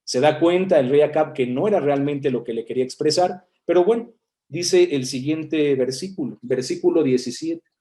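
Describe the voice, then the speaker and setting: A man with a Mexican Spanish accent preaches from the Bible, working through the verses aloud and explaining them one by one. His voice sits fairly high but sounds warm and mellow. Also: normal speed. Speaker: minister. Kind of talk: sermon.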